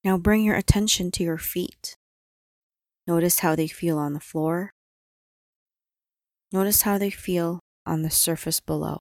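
Slow, soothing woman guiding meditation. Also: on the low side, no echo, clean studio sound. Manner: calm, soothing, unhurried instructions with long pauses. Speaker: meditation guide. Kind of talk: guided body-scan meditation.

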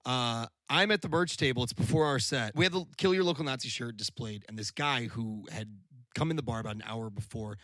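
A man in a band telling a story in casual chat, animated and swearing, acting out the people in it. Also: medium pitch, fairly quick, dry recording, clean studio sound. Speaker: band member.

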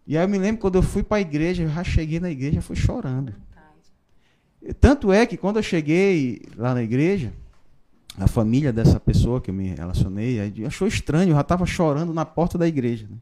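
A man tells his conversion story as a podcast guest. His voice is warm and mellow, pitched a little high for a man, and he keeps the story moving with animated swings and frequent tag questions. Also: a little fast. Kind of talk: testimony in a podcast interview.

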